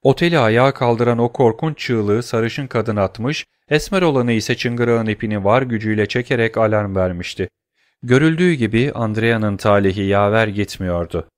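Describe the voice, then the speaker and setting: A man narrating an audiobook in a steady, measured reading voice on a close mic. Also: on the low side. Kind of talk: scripted narration.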